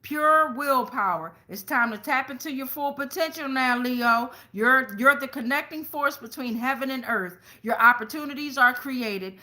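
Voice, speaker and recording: An American woman with a sharp-toned voice on the high side hosts a casual tarot reading for viewers. As a tarot reader and show host, she's blunt and slangy and swears freely.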